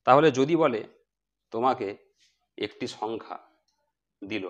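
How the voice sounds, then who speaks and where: A man's voice: mid-range voice, measured pace, dull audio. A man teaching basic math who keeps asking the class questions and answering them himself. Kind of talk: explaining math to students.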